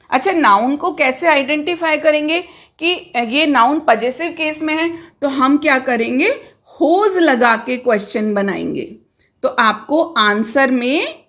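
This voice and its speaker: A woman with a high voice teaches an English grammar lesson in a slow, measured way. She blends Hindi with English terms and often asks the class a question before answering it herself. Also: fairly bright tone.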